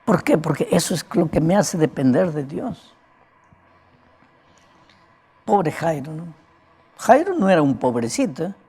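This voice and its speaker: A male evangelist preaching a sermon in a cracked, broken voice, talking conversationally and often turning to his listeners with a quick "right?". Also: a little high, big pitch swings, dark tone, breathy edge. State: prone to coughing.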